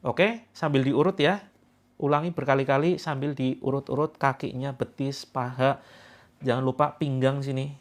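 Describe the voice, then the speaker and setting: A man leading a guided group healing session, repeating instructions and coaxing listeners through each step. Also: mid-range voice. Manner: instructing, repetitive, coaxing viewers through steps. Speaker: spiritual healing coach.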